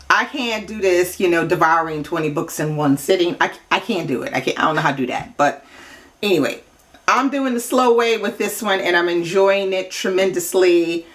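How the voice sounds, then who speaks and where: A woman book vlogger talking casually to the camera at home, chatty, with many asides and fillers. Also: lowish voice.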